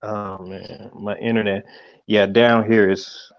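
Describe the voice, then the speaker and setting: Man, choppy breaking-up internet call, dull lo-fi sound, dry and close, halting and hesitant. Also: lowish voice, level tone, gravelly, no room sound. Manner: halting, hesitant, restarts often. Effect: choppy, breaking-up video call connection. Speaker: person asking for building advice. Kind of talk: casual call. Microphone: video call.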